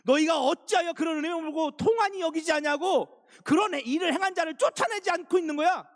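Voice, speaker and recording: A man shouting as a furious scolding old apostle. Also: lively intonation, a little slow, creaky, breathy edge, heavily acted. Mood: furious rebuke. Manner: shouting rebukes at a high strained pitch. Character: stern older male apostle, furious and scolding.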